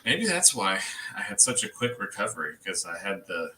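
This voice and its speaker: A man in his thirties co-hosting a family livestream in relaxed, joking banter. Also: on the low side, moderate pace, a little hiss or hum, rough recording. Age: 30s. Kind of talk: casual livestream chat.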